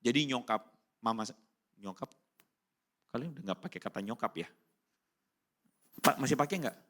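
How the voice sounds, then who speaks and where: A man preaching a casual youth sermon in speech, slangy and animated, keeping up a run of rhetorical questions to the congregation. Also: mid-range voice, moderate pace. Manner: animated, keeps asking the crowd rhetorical questions; slangy and informal, breaks into English phrases. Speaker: youth pastor. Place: church hall during a service.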